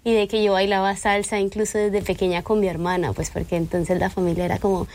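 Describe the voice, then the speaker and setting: A woman with a Colombian accent, a guest in a studio interview, telling memories in an animated way. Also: mid-range voice, fast talker. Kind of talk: casual interview talk.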